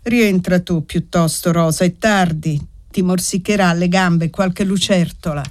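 A woman's voice: lowish voice, steady tone, measured pace, darkish tone, natural voice. A woman voicing a terse, brooding servant woman. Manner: grave, curt replies. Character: young adult woman servant, guarded and brooding. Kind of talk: audiobook reading.

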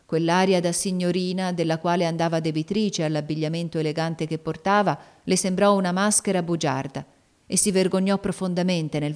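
A woman narrating a classic novel as an audiobook in a measured, steady manner. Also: on the low side. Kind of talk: audiobook reading.

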